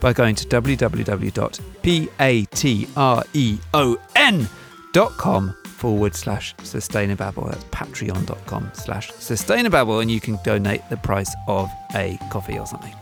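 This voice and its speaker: A man co-hosting a podcast in casual chat, animated, wry and self-mocking. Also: fairly low pitch, moderate pace, vocal fry, soft background music. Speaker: podcast co-host.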